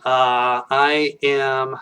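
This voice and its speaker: Extremely slow and smooth, this man's mid-range voice keeps a level, sharp tone as he chats casually on a live stream, recorded from a distance by a webcam. In his late thirties, he rambles, belittles himself, and restarts often.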